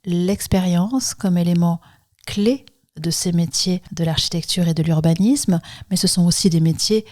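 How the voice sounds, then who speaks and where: A woman journalist hosting a podcast, delivering a scripted intro and asking measured, poised questions. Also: on the low side, darkish tone.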